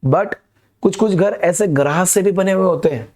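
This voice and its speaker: A man's voice: high voice, moderate pace, darkish tone. A young man explains a lesson to students directly and mixes English words into his talk. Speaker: teacher. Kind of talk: animated classroom lesson.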